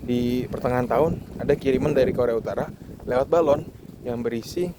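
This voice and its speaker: Heavy background noise surrounds a young adult Indonesian man speaking briskly at a medium pitch. He's a vlogger and international student doing a casual, joking monologue that mixes in English words.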